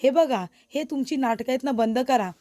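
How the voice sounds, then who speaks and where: A woman's voice: sits high, moderate pace, warm tone, no echo, close to an everyday voice. A woman voicing a young pregnant wife who bluntly accuses her mother-in-law. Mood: accusing.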